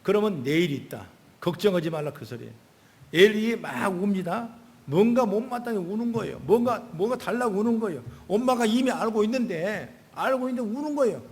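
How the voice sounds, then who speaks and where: An older man, a pastor, preaching a sermon with swings between loud emphatic calls and soft low asides. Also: animated, a little fast. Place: church sanctuary. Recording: long hall reverb.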